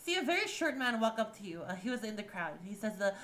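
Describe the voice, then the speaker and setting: A woman running a tabletop game as game master, excitable and animated. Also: medium pitch, fast talker.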